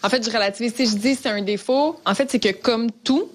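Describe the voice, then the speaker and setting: A woman with a Québécois accent hosts a podcast and explains psychology ideas in a clear, friendly way. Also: fairly high pitch, fast talker. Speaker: podcast host. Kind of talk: casual explanatory podcast talk.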